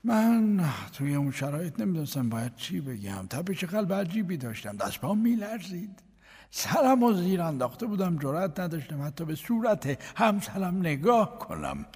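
An actor playing a male court minister in a radio drama, confessing his past in a soft, halting voice. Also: high-pitched, sing-song, husky, full character voice. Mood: anguished. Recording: long hall reverb.

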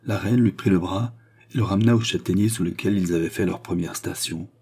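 A man narrating a classic novel as an audiobook in a measured, even storytelling manner. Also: low voice, slightly rough.

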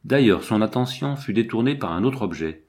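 A man narrating an older novel in a measured, expressive reading. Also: medium pitch. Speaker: audiobook narrator. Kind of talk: literary narration.

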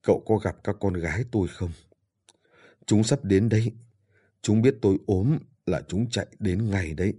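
A man's voice: lowish voice, moderate pace, warm tone, slightly rough. A man reading an audiobook and voicing a frail dying old father in pain, who speaks in a weak, pleading way and pines for his daughters. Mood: weary, longing.

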